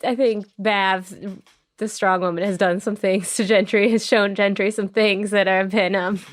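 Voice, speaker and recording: A woman's voice: mid-range voice, fairly even intonation, unhurried. A woman player in a tabletop role-play podcast, rambling and laughing often as she talks in character.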